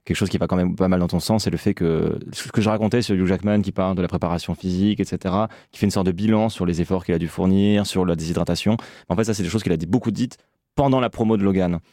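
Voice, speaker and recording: A man co-hosts a film podcast with a very low voice and a rapid delivery. He banters eagerly, restarting sentences as he goes. The sound is dry and close. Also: mellow, no room sound. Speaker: podcast co-host. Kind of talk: casual film podcast chat.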